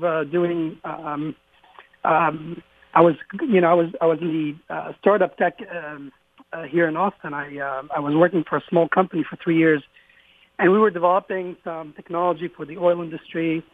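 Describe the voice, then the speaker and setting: A man in his thirties, originally from Lebanon, answers interview questions haltingly, stopping and restarting often. His voice sits a little high, and it comes through a thin, dry phone line. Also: dry recording. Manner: hesitant, many fillers and restarts. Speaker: guest entrepreneur. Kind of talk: radio interview.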